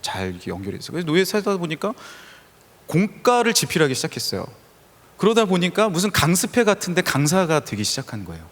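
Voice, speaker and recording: A man preaching a sermon as pastor, telling stories in an animated way and acting out the people he quotes. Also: fairly high pitch, quick pace. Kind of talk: lively sermon with acted-out quotes. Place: church sanctuary. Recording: reverberant church hall.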